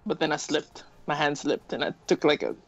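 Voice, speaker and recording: A man's voice: a little high, steady tone, a little fast, fairly bright tone, dull audio, soft background music. A man co-hosting a casual podcast, making self-deprecating jokes. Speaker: podcast co-host.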